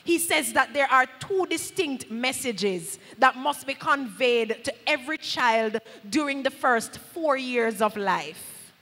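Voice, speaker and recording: A woman in her thirties with a Jamaican accent preaches from the pulpit of a large church hall on a handheld mic, emphatic yet conversational and slipping into Patois. Her voice is high-pitched, lively, slow, pushed, and bright, heard through a PA with the hall's echo.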